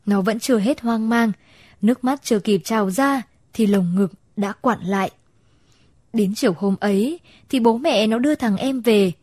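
A woman narrating a short story in a gentle, even storytelling manner. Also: fairly high pitch, normal speed, dry recording, clean studio sound.

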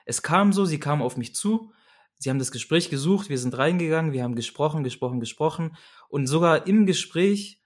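A man's voice: a little high, expressive, brisk. A young man telling a personal story as a guest in a conversation, earnest and searching, often restarting and repeating himself as he goes.

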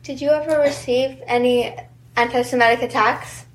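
A woman's voice: on the high side, steady tone, normal speed, a little hiss or hum. A woman hosting a podcast, asking short, plain interview questions.

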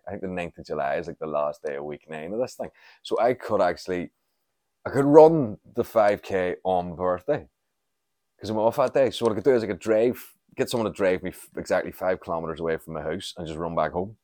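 A man's voice: low-pitched, darkish tone, no room sound, studio quality. A man, chatting casually and candidly as a podcast host, rambling and swearing freely. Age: 40s. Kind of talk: casual solo chat.

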